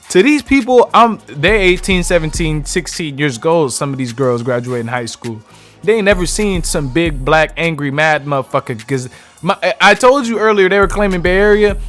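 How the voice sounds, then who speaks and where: A young man with a fairly high voice tells a story from his own life in a loose, heated way, swearing freely. Soft music plays faintly in the background. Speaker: vlogger. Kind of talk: casual storytime.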